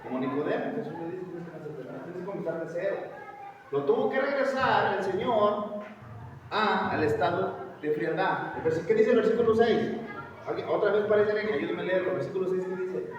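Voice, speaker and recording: A man's voice: high-pitched, expressive, a little fast. Emphatic man preaching in an echoey hall. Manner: emphatic, asks the congregation questions, repeats "hermano". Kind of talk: sermon. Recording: echoey hall, distant mic, muffled and noisy.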